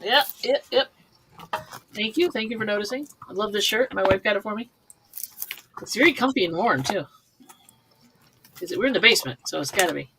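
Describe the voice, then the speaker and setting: A woman's voice: mid-range voice, animated, brisk, pauses often, sharp tone, slight background noise, rough recording. A woman co-hosting a live online sale from a basement, talking on a video call in a chatty, playful way. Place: basement room.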